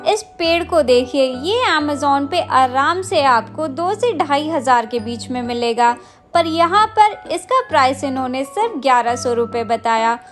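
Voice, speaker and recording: High-voiced enthusiastic woman vlogger. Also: animated, a little slow, soft background music. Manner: enthusiastic, addresses viewers directly. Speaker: travel vlogger. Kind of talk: scripted vlog narration.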